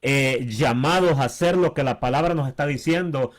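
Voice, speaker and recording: Man calmly teaching the Bible. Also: medium pitch. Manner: unhurried, repeatedly addresses listeners as brothers. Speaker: pastor.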